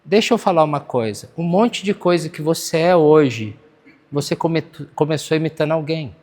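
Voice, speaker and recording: Brazilian pastor guy preaching, kinda high voice, chatty and earnest, big church reverb. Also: normal speed, a little mellow. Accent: Brazilian Portuguese. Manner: earnest, conversational preaching with audience check-ins. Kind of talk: sermon. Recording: church hall with long reverb.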